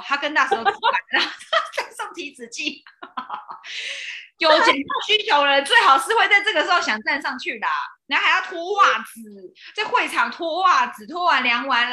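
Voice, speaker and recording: Woman, lively storyteller, acts out voices, bright and fairly high. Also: brisk. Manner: animated, acts out dialogue, laughs often. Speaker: host. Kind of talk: casual chat, personal storytelling.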